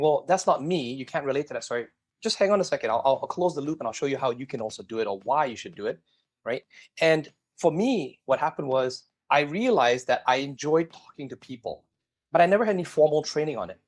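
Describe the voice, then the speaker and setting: Speaking directly to the viewers, a middle-aged guest from Singapore shares his life story during a lively interview. His voice is a little high.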